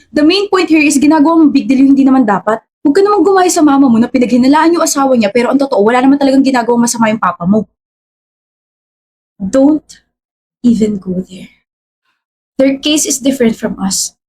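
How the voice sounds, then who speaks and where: A woman performs a scripted comedy skit in a high, somewhat breathy voice. She argues back and forth with pointed retorts and slips English phrases into her lines. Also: lively intonation, a little fast, pauses often, a little mellow. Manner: argumentative, mixing English into Filipino.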